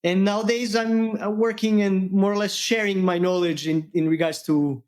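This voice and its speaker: Male engineer guest, lightly raised pitch, halting and casual. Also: fairly even intonation. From Serbia. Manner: halting, many fillers, laughs easily. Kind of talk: casual tech interview.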